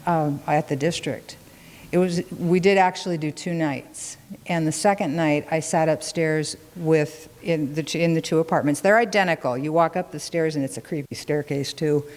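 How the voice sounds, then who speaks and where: A woman with a low voice tells stories in an informal fireside storytelling manner. She hosts conversationally, wandering through descriptive detail. The space carries a long reverb. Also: fairly even intonation, moderate pace, a little mellow. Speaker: host of a ghost story talk.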